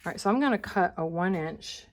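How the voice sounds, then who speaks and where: A woman's voice: fairly low pitch, lively intonation, fairly quick, slight background noise. Chatty woman demonstrating crafts. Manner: chatty, thinking aloud while working. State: a little out of breath. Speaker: scrapbooking instructor. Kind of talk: casual craft tutorial.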